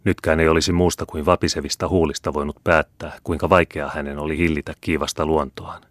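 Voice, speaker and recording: A man narrating a classic novel as an audiobook reader, in a measured, even manner. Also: rumbling low, no echo. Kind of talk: scripted narration.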